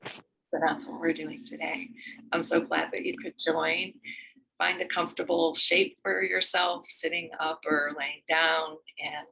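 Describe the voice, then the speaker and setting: A woman speaks informally to an online meditation group before guiding them, wandering through her thoughts with frequent fillers. Her voice has a bright, pointed tone and a noticeable vocal fry. She is heard through a video-call microphone. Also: deep voice, flat delivery, unhurried, poor audio. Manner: rambling and warm in greeting, with many fillers. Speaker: meditation guide. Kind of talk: informal spiritual talk before a guided meditation.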